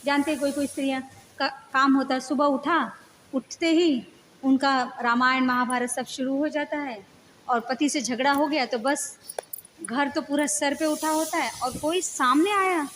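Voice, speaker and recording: A woman's voice: high-pitched, a bit bright, a little hiss or hum, poor audio. A woman giving a devotional lecture who tells a story and explains it, often asking her listeners questions. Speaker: spiritual lecturer.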